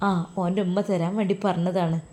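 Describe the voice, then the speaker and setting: A woman's voice: fairly low pitch, flat delivery, a little fast, darkish tone, natural voice. A woman voicing a kind young religious teacher who talks in a friendly, reassuring way.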